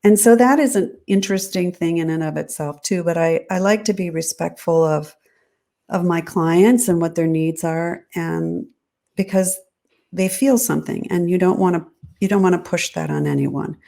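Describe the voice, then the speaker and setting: A woman designer as an interview guest, explaining her ideas in a measured, thoughtful way. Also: lowish voice, creaky, warm tone. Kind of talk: interview answers.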